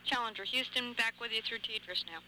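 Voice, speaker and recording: Fast-talking woman on noisy space radio. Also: a little high, pushed and bright. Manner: brisk, businesslike. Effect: two-way radio. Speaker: mission control capsule communicator. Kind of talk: procedural radio communication.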